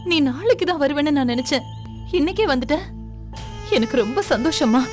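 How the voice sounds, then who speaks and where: A woman's voice: high-pitched, animated, fairly quick. An anxious doting mother. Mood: eager. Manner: pleading and emotional, rising to distress. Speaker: mother of the heroine. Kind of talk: Tamil TV serial acting. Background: soap opera music score.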